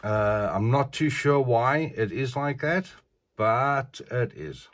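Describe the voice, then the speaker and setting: Slow and animated, with a mid-range and somewhat bright voice, an older man shows off figures from his collection in a review. His talk is casual, chatty, and rambling, and missing teeth slightly slur his consonants.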